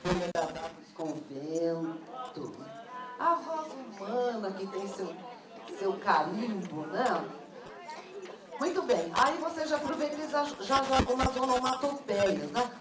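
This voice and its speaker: Lively woman teaching a workshop. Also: mid-range voice, slow pace, a crowd in the background. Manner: lively, asks the audience questions. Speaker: teacher trainer. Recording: roomy, distant mic, noisy room.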